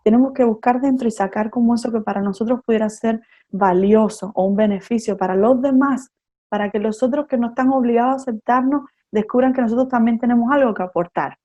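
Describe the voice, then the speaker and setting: A woman psychotherapist explains her ideas patiently, step by step, and backs each point with everyday examples. Her voice is mellow and warm. The audio sounds slightly dull and lo-fi. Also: a little high, fairly quick. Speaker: psychotherapist guest. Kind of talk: expert explanation in an interview.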